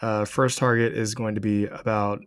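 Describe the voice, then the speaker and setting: A man's voice: fairly low pitch, level tone, moderate pace, smooth, no room sound, clean studio sound. A man giving casual, explanatory market commentary as a channel host, talking viewers through price charts. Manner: explanatory, addressing viewers directly. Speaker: crypto trading channel host.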